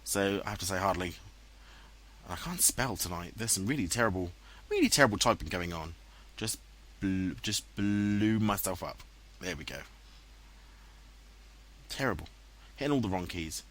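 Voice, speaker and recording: A man's voice: low voice, animated, moderate pace, a bit bright. A man with an English accent, giving casual, self-mocking commentary over his own gameplay footage. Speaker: let's play commentator. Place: home room, voice-over recorded later. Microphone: headset, dubbed in post-production.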